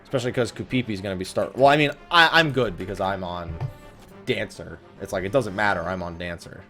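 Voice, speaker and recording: This let's play host has a low voice with a bright, forceful tone and talks fairly quickly. He gives casual game commentary, swearing and complaining sarcastically over soft background music.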